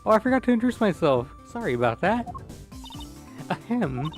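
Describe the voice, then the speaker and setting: A cheeky young lady thief from a visual novel, played by a man doing a woman's voice. She is playful and boastful, with a girlish, raised pitch and theatrical flair. Music plays faintly behind. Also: big pitch swings, brisk. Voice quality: girlish put-on voice. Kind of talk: dramatic reading of visual novel dialogue.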